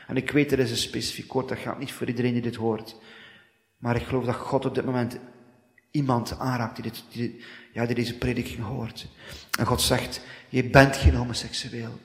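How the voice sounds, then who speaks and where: A man's voice: mid-range voice, flat delivery, moderate pace. Male preacher, fervent prophetic prayer, repetitive, long hall reverb. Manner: fervent, repetitive, rising to loud declarations; breaks into speaking in tongues.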